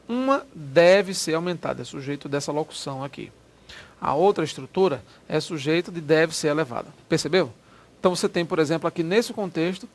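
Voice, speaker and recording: A man explaining exam grammar questions, stretching key words and checking in with listeners often. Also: fairly high pitch. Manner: explanatory, drawn-out stressed words, frequent "né?" checks. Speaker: Portuguese grammar teacher. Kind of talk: exam-prep lecture walking through test questions.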